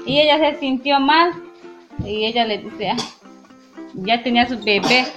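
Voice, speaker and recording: Woman, teacher, oral storyteller, unhurried, questioning tags, music playing behind. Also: on the high side. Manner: unhurried, with frequent "¿no?" tags and fillers. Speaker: community preschool teacher. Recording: dull lo-fi radio sound with music.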